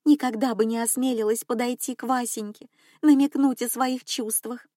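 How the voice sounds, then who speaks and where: A woman's voice: a little high, steady tone, normal speed, dark tone, no room sound, clean studio sound, voice pushed up, close to an everyday voice. A woman voicing an eager young granddaughter who talks in a breathless, gushing way.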